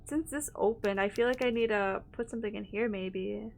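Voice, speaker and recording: A woman's voice: medium pitch, fairly even intonation, moderate pace, gravelly, slight background noise. A young woman streaming a horror game, thinking aloud in casual commentary with lots of fillers and hesitations.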